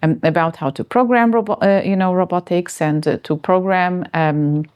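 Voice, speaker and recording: Female interviewee from Portugal, forties, deep voice, halting delivery full of fillers. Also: clear, resonant tone, dull audio. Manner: hesitant, many fillers and restarts. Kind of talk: casual interview answers.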